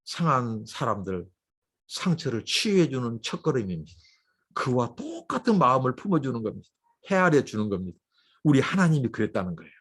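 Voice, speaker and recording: A male pastor from Korea preaching a sermon with passion, swinging between loud urging and soft, hushed asides. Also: medium pitch. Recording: livestreamed dawn sermon.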